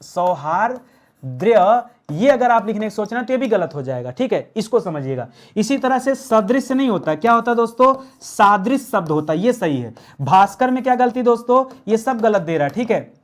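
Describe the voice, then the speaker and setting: A man's voice: sits high, lively intonation, normal speed. A man teaching an online grammar class. He asks his viewers questions, answers them himself and repeats the key words.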